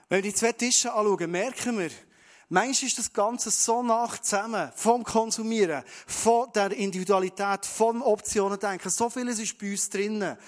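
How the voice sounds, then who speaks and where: A male pastor preaches in a fairly high voice. His delivery is emphatic, swinging between loud pushes and quiet, hushed stretches. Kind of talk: sermon.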